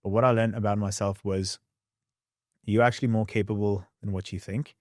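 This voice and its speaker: Telling his story in a candid podcast interview, this young guest speaks in a low voice with a blended Australian-English accent. The recording is dry, with nothing of the room around him, and he races along lively, acting out scenes from his past.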